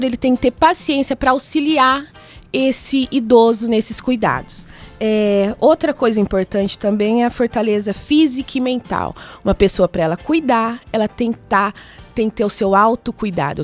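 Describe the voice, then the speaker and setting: A woman with a Brazilian Portuguese accent, a nurse answering interview questions in a radio studio, listing points and checking in with tag questions. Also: fairly high pitch. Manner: explanatory, lists points with frequent tag questions.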